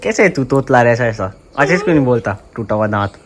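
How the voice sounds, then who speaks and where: A man's voice: medium pitch, animated, fast, a crowd in the background. A young man chatting casually to his viewers in a home vlog, teasing and talking straight to them. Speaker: family vlogger. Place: family home. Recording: loud crickets chirping behind.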